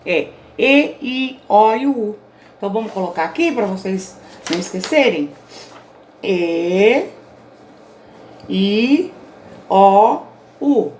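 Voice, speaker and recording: A woman's voice: medium pitch, expressive, takes it slowly, pauses often, a little mellow. A woman teacher recording her own online grammar lesson, explaining patiently and checking in with her students often. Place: indoors, self-recorded at home.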